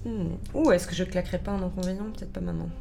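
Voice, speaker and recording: A woman with a fairly low voice plays a tabletop role-playing game. Her talk is casual, animated and slangy, improvised over clearly audible music. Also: racing. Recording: music behind the voice.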